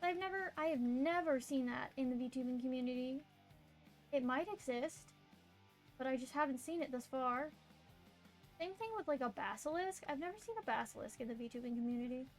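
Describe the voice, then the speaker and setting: A woman's voice: high voice, normal speed. A woman with a cute, bubbly anime-streamer manner, chatting casually on a live stream. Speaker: VTuber streamer and artist. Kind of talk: casual live stream chat while drawing. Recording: music behind the voice. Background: music.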